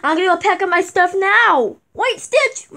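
A woman's voice: very high voice, fairly quick, sharp tone. A woman improvising a toy puppet show in theatrical, exclamatory character voices. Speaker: puppeteer voicing plush toys. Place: indoors at a table, handling toys.

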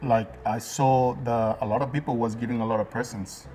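A man's voice: mid-range voice, fairly even intonation, a little fast, dark tone, slight background noise. Earnest Guatemalan-born man hosting a chat. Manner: plain-spoken, earnest storytelling with fillers. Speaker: host. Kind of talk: casual interview. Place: detailing supply shop, indoors.

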